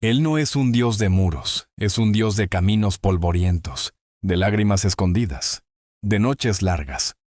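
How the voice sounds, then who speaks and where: A man with a fairly low voice gives a scripted devotional reading, solemn and unhurried. He lingers on key phrases with measured pauses. The recording is dry and close, with no room sound. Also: animated, a little mellow, no echo. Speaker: devotional narrator. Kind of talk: scripted inspirational Bible narration.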